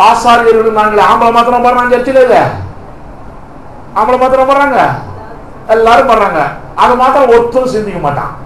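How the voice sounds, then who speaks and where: A man's voice: extremely high pitch, fairly bright tone, slight background noise. A male pastor preaching a fervent sermon, firing rhetorical questions at the congregation and punctuating with hallelujah and amen. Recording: echoey hall.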